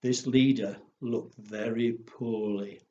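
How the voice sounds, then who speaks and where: A children's storyteller tells stories and rhymes to young kids playfully, in simple phrasing with acted woofs and exclamations. His fairly low, dark voice is steady in tone and takes things slowly. The room is echoey, the sound dull, with faint noise.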